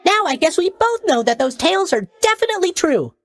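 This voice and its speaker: In these video game voice lines, a man performs a young sleep god who is cheerful, clueless, talkative, and tactlessly sympathetic in a mocking way. His exaggerated, very high, sing-song voice runs a little fast and a bit bright, recorded at studio quality with no room sound.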